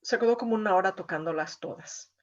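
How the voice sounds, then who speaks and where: Speaking quickly in a mid-pitched voice, a Mexican woman painter shares an emotional story as an interviewee. Her conversational storytelling is peppered with "eh" and "o sea," and the audio is dull.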